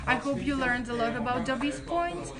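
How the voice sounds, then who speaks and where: A young Croatian woman who works as residence staff hosts a friendly, chatty live-stream Q&A, reading out chat questions and often restarting her sentences. Her voice is high-pitched at a moderate pace, with music and crowd chatter in the background.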